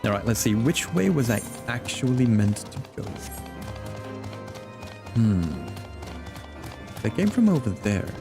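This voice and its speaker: A friendly male streamer, a native Flemish speaker, chats casually with viewers over game music. His mid-range voice has a sing-song, creaky quality, and he speaks slowly with long pauses. Chatty and warm, he greets chat by name and laughs often during this live-stream.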